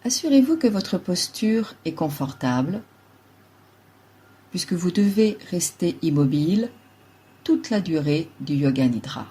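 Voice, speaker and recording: A female yoga nidra guide gives a slow guided relaxation, her low, husky, soft-edged voice delivering measured instructions in an unhurried, calm way.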